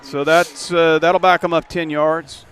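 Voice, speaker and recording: A man doing play-by-play of a high school football game from a stadium press box, folksy and relaxed. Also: unhurried, smooth. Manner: folksy, relaxed, rises when a play starts. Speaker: play-by-play announcer.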